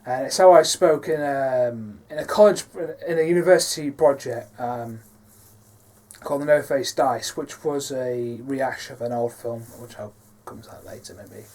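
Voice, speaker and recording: A man's voice: medium pitch, moderate pace, a little mellow. Hesitant man rambling about his films. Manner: rambling, hesitant with many fillers. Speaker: filmmaker. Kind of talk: casual behind-the-scenes talk.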